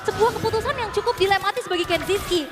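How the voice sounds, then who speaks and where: A woman with an Indonesian accent commentating an esports match, explaining the play in an animated, conversational way. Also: extremely high pitch, quick pace, a crowd in the background. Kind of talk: excited esports match analysis. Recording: loud music behind the voice. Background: loud music.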